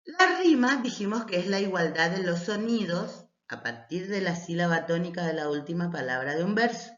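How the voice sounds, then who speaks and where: A woman teacher explaining lessons patiently, often checking in with a short "mm?" and reading verses aloud slowly. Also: on the low side, animated. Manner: reads poems aloud slowly. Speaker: language teacher. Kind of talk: recorded class lecture. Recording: roomy, dull lo-fi recording.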